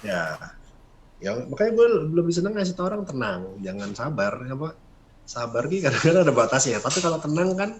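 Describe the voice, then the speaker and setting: A man's voice: a little fast, a little hiss or hum, poor audio. Guy coaching about breathing, voice goes up and down a lot, easygoing explainer. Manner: calm, explanatory, animated pitch swings. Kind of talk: casual podcast chat.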